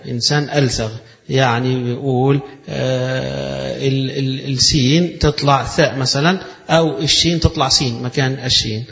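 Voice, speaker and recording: A man with an Egyptian accent giving a religious lecture, reading a passage and then explaining it in colloquial speech, repeating phrases to show their pronunciation. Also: mid-range voice. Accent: Egyptian Arabic. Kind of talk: lecture explaining a read-out text. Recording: echoey hall, dull lo-fi sound.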